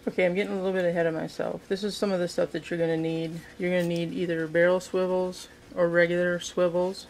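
A woman talks through a hands-on fishing craft at an indoor table, pausing with ums and restarting her sentences as she works. Her pitch stays fairly flat and level throughout. A faint hum of room noise sits behind her. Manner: relaxed, thinking aloud with frequent ums and restarts. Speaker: fishing craft video host. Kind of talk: casual how-to demonstration.

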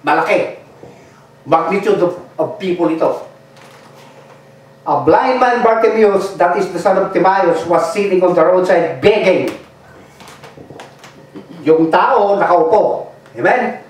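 A man's voice: high voice, slow pace, long pauses. A man preaching a fervent bilingual sermon and calling for amens from the congregation. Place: church hall. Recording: echoey church from far off.

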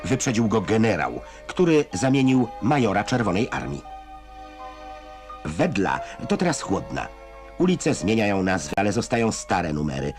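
Low-voiced, wry old newsreel narrator, male. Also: sing-song, moderate pace, a little mellow. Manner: wry, ironic delivery of scripted commentary. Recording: music bed behind narration. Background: music.

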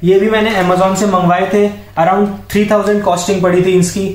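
A young Indian man with a high-pitched voice and flat, fairly quick delivery explains camping and hiking equipment on camera, calling his viewers friends and blending Hindi with English. Recorded indoors in an empty home room with a wooden floor, the camera or phone sits a few metres away, making it very echoey.

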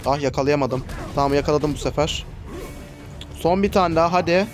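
A man's voice: a little high, a little fast, over music. A man hosting a gaming channel, giving chatty let's play commentary with exasperated outbursts. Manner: chatty, exasperated exclamations while fighting.

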